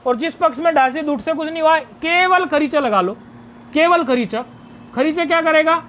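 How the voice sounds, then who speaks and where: A man teaching Sanskrit grammar in a recorded video lesson, explaining step by step, asking and answering his own questions, and reciting word forms slowly in a list. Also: very high-pitched, fairly bright tone, slight background noise.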